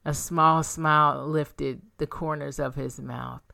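A woman narrating a romance audiobook with a calm, even delivery. Her voice sits low, and she reads at an unhurried pace. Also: vocal fry. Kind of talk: scripted narration.

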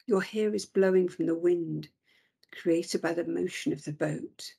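A woman slowly guiding a relaxation meditation in a soothing voice, often dropping to a whisper. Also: fairly low pitch, creaky, mellow, husky. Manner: slow, soothing, drifting into whispers.

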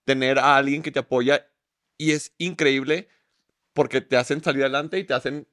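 A man's voice: mid-range voice, fairly even intonation, normal speed, no echo, clean studio sound. Mexican man hosting a heartfelt chat. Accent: Mexican Spanish. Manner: warm, supportive, colloquial. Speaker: podcast host. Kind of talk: casual chat.

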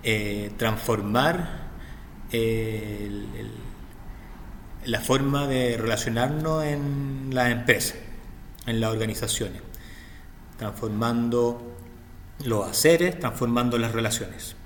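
A man's voice: medium pitch, slow pace, long pauses, long reverb tail, slight background noise. A middle-aged man with a Chilean accent, speaking as an interview guest in a hesitant, reflective way with frequent restarts. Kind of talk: interview conversation.

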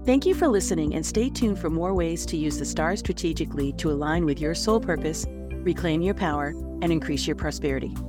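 A woman's voice: deep voice, expressive, fairly quick, music in the background. A woman hosting a solo advice podcast in an upbeat, tidy, encouraging manner, like a coach reading prepared tips. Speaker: astrology coach and podcast host.

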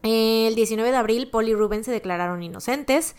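A woman's voice: on the high side, normal speed, a little mellow, clean tone. Podcast co-host, woman, Mexican accent, chatty and slangy storyteller. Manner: chatty, slangy, recounting a case with asides. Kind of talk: casual true-crime podcast chat.

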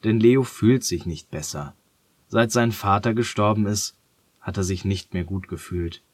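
A man reading a children's story aloud in a calm, gentle and measured way. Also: lowish voice, breathy edge, no room sound.

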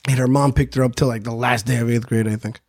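A man's voice: medium pitch, steady tone, fast talker, vocal fry, darkish tone, no room sound, clean studio sound. A man from Queens, New York, hosting a podcast and telling a childhood story in a profane, self-mocking comic way. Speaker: podcast host. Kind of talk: comedic storytelling.

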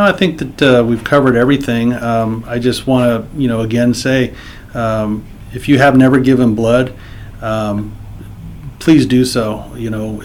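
A man's voice: medium pitch, darkish tone, a little hiss or hum. A man speaking as an interview guest for a blood center, sincere and dotted with fillers. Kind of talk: interview talk.

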